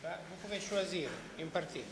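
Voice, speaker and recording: A man's voice: sits high, moderate pace, gravelly. A man moderating a conference session, giving speakers directions in an organizing way with a few restarts. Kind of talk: chairing a session. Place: large conference hall. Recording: echoey hall, faint hiss.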